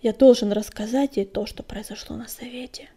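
A woman reading a storybook and voicing a caring, steady male cat warrior leader in a soft, breathy voice. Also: on the high side, a little fast. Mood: worried.

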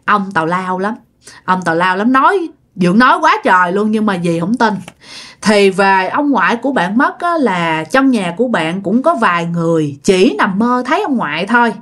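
A woman's voice: medium pitch, moderate pace. Southern vietnamese woman telling ghost stories, chatty, voice bounces all over. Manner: chatty, animated, repeats words for effect. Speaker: storyteller. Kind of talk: retelling listener ghost stories.

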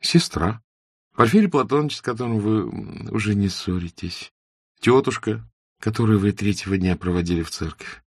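A reserved, observant young woman speaks softly and earnestly in a storybook reading, as a male narrator lifts his husky voice to play her. The sound is dry and close. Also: on the low side, lively intonation, normal speed, no room sound, pitched above the performer's own voice. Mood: gently teasing. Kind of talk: audiobook character reading.

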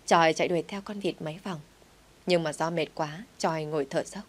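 Low-voiced woman narrating an audio story. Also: fairly even intonation, moderate pace.

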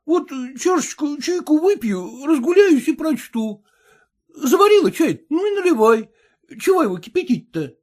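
Drawling hungover young peasant man, very high and swooping, as a male reader puts him on; storybook role. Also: very animated, normal speed, a little mellow. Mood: grumbling. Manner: drawling, grumbling.

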